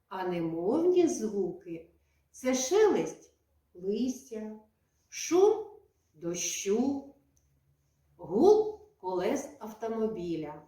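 A woman kindergarten teacher giving a lesson to young children, speaking slowly and clearly in a sing-song teacherly way. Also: mid-range voice, warm tone. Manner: slow, clear, sing-song teacherly speech with drawn-out words. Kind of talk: preschool lesson addressed to children. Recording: echoey room, voice from a distance.

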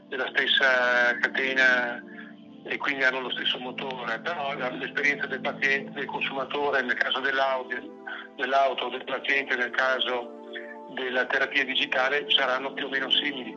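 A man's voice comes through a phone set on speakerphone and held near another microphone, so it sounds dull and lo-fi with faint music underneath. His tone is sharp and very bright. He explains things plainly in a business setting, often backing up to find a better word. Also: mid-range voice. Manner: searching for words, restarting phrases. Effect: on a phone speakerphone held up to another mic. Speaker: meeting participant explaining a product. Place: somewhere with poor signal.

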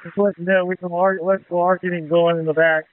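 A male firefighter gives terse, urgent reports over a two-way radio. His voice sits a little high, boxed into a thin narrowband signal with little room sound. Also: little pitch movement, quick pace, no room sound. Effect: two-way radio transmission. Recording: narrowband fire radio transmission.

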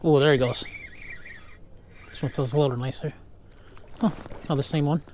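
A man giving casual running commentary while fishing from a kayak on a river, relaxed and chuckling between remarks. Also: on the high side, normal speed, slight background noise. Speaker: fishing vlogger. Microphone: action camera mounted on kayak.

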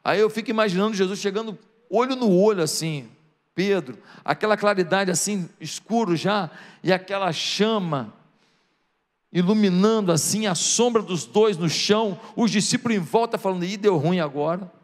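High-voiced Brazilian pastor preaching. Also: male voice, normal speed, long reverb tail. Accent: Brazilian Portuguese. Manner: lively, slangy storytelling that swings from loud to hushed. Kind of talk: sermon.

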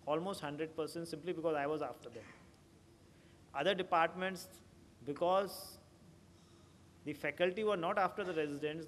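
A man's voice: a little high, slight background noise. A middle-aged man answering questions at a conference podium, explaining steadily with some fillers and restarts. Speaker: conference speaker. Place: large auditorium, at a podium. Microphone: podium microphone. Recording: long hall reverb, faint ambience.

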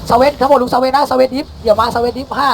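A man calling shots in a game battle, barking rapid repeated commands and countdowns, mixing English callouts into his speech. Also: very high-pitched, level tone, vocal fry, slight background noise, low-quality recording. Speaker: guild war shotcaller. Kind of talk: live game commands over voice chat.

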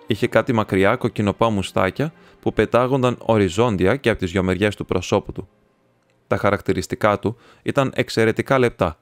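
A man reading a classic novel aloud as an audiobook, lightly changing his tone for the characters' lines. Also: lowish voice. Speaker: audiobook reader.

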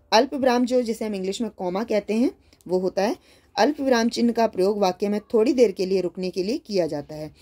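A woman's voice: medium pitch, mellow. A woman teacher patiently explaining a school worksheet to young children, often repeating and rephrasing her points.

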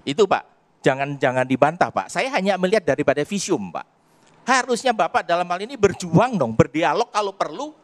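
Older man lecturing with lively pitch. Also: brisk. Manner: lecturing, ends phrases with "Pak". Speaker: legal expert. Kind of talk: heated TV debate.

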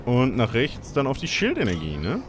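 A man's voice: mid-range voice, huge pitch swings, normal speed, background noise. A man giving casual let's play commentary, thinking aloud and exclaiming as he reacts to the game. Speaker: let's player. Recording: game music behind commentary.

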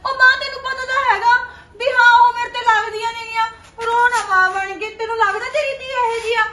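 A woman's voice: very high-pitched, fairly even intonation, fairly quick, bright, forceful tone, echoey room. A young woman with a Punjabi accent playing a college-going daughter who tearfully pleads with her mother. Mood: defensive. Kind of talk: short film drama acting.

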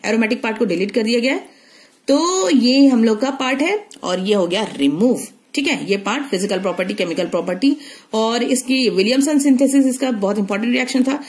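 Woman teacher, repeating key points. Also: on the high side. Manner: explanatory, repeats key points, frequent "theek hai" check-ins. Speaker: chemistry teacher. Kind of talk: online syllabus lesson.

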